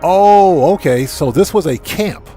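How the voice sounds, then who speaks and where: A man's voice: high-pitched, lively intonation, unhurried, dark tone, faint music behind. A man hosting a livestream, chattily thinking aloud as he gives casual video game commentary and talks to viewers. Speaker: livestream host.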